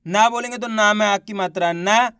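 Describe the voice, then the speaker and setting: High-voiced man teaching spelling patiently. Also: normal speed, sharp tone, clear, resonant tone, no echo, clean studio sound. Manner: patient, repeats each word and quizzes viewers. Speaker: Hindi teacher. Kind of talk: online spelling lesson.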